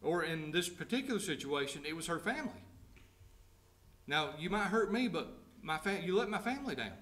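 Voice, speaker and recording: A man's voice: fairly high pitch, big pitch swings, a bit bright. Preaching man in an echoey church. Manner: reads scripture slowly, then explains it in plain everyday words; asks the congregation direct questions. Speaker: pastor. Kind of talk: sermon. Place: church sanctuary.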